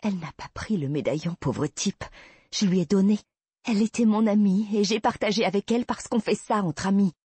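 A man voicing a frightened, disgusted young woman confronting her captor, in a higher, strained and indignant manner. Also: lively intonation, normal speed, hardly any pauses, darkish tone, husky, no echo. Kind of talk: audiobook reading.

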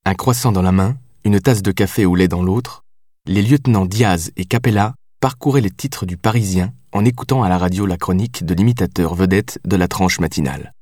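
A man narrating an audiobook in a measured, steady reading. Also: lowish voice, dry recording, clean studio sound.

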